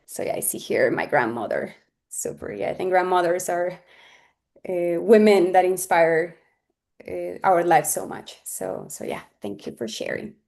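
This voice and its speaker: Speaking slowly with vocal fry, the Colombian webinar presenter in her thirties has a lowish, darkish voice. Over the video call she keeps things casual and sincere, stumbling into fillers and starting sentences over.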